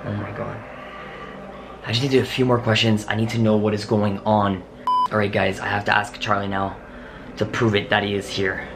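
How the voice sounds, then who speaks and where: A man's voice: on the low side, level tone, fairly quick, noisy background. A young adult man talking urgently and dramatically to camera as a vlogger in a small home office, with exclamations and sighs. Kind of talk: dramatic paranormal challenge vlog. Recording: home room with music behind.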